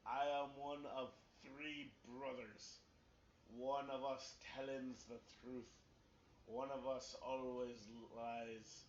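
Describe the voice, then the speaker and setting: A man voicing a sly male woodland brother who speaks in slow, mock old-fashioned speech full of made-up words. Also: medium pitch, level tone, roomy sound, highs cut off, a little hiss or hum, natural voice. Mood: evasive.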